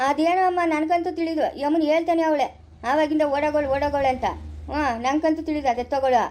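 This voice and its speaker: A woman plays a village woman with a rural Chikkaballapura accent who talks fast in short, clipped bursts. Her voice is high and mellow, and her tone is anxious. It sounds like a homemade family skit. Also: steady tone, close to an everyday voice. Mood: gossiping. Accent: rural Chikkaballapura Kannada.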